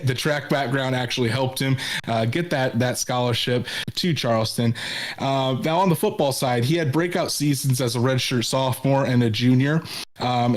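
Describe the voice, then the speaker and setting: A man co-hosting a sports podcast who writes about sports, talking through a player profile in a chatty way with lots of ums and repeated words. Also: mid-range voice. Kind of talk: casual sports podcast talk.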